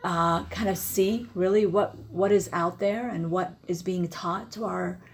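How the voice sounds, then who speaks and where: Woman from Iraq, religious sister, lowish voice, gentle and earnest. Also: fairly even intonation, a little slow. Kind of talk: personal testimony in interview. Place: studio.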